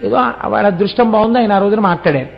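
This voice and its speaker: A man's voice: high voice, very fast, creaky. A man giving a devotional discourse, telling stories and acting out the dialogue of their figures. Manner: storytelling, acting out quoted dialogue. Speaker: religious discourse speaker. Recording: dull lo-fi audio with faint music.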